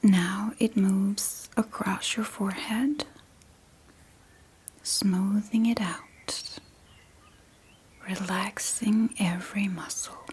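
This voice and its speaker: In a soft, breathy ASMR whisper, a meditation guide eases listeners into sleep, gentle and soothing, pausing long between short phrases. Her medium-pitched voice keeps a steady tone, and there's a little hiss or hum.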